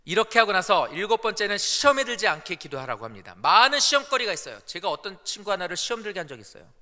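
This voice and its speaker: A man's voice: high voice, fast. A male pastor preaching a Sunday sermon in a church, telling stories and acting out the quotes. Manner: animated storytelling with acted-out quotes. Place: church sanctuary. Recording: echoey church hall.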